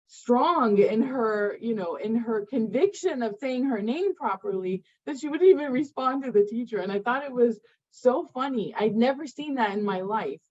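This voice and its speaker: A middle-aged woman tells a story to an online session with a lively, expressive delivery. Her voice sits fairly high, and the call audio comes through a little dull and muffled. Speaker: presenter, parent. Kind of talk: online session talk, personal anecdote.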